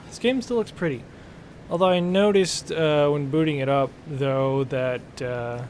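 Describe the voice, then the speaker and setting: A man's voice: on the high side, darkish tone, slight background noise. A man giving casual, rambling commentary while playing a video game, full of fillers and self-corrections. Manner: reads game dialogue aloud. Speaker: gaming channel host. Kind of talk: casual let's-play commentary.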